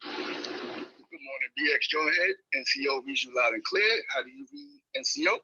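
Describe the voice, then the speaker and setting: Radio net control guy on two-way radio, very bright husky tone, formal radio-speak. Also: fairly high pitch, very animated, moderate pace. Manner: formal radio procedure, spells letters phonetically. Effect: heard over a two-way radio link. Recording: lo-fi radio audio.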